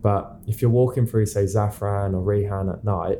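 A man's voice: fairly low pitch, fairly even intonation, normal speed, mellow, slight background noise. A man, a real estate agent, explaining things at length and with confidence on a casual podcast.

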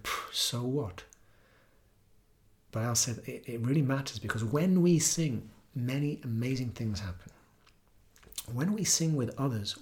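A man teaching about kirtan, telling stories in an earnest, gentle way with frequent pauses and restarts. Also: mid-range voice. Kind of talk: reflective storytelling talk.

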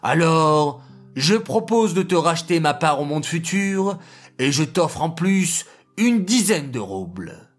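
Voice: medium pitch, sing-song, slow pace, faint music behind. Narrator voicing a pleading diamond merchant. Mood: bargaining. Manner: pleading, placating. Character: diamond merchant, jovial then anxious.

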